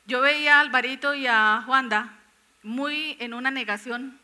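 A woman's voice: high-pitched, unhurried, pushed and bright. A woman giving a heartfelt personal testimony in a sermon, earnest and emotional, often laughing and repeating phrases. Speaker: preacher.

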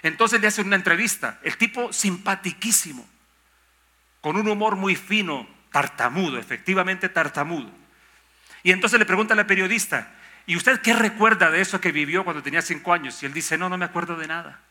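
A man's voice: sits high, fairly quick, sharp tone. An older man, a pastor preaching a sermon emphatically, with rhetorical questions and mock objections.

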